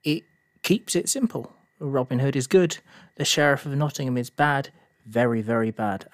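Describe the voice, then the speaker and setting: A man's voice: medium pitch, no room sound. A man talks through a film review for his podcast in a mid-range voice. His delivery is casual and full of small hesitations and fillers, and it can get worked up into a rant. The recording is dry and close, with no room sound. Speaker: podcast host.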